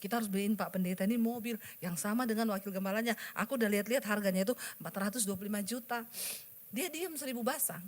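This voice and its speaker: A woman's voice: medium pitch, racing. A woman pastor preaching a sermon, telling a personal story and acting out the dialogue while speaking straight to her congregation. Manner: addresses the congregation directly.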